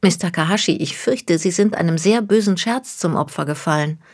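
Woman voicing a gentle, probing woman investigator. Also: lowish voice, normal speed, husky. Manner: soft, questioning.

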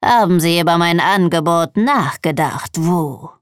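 Woman doing a squeaky storybook villain. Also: lively intonation, no echo, clean studio sound. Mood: menacing. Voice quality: squeaky like a rusty hinge. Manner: slow, smooth, threatening. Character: menacing male customer, squeaky villain. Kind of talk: storybook reading.

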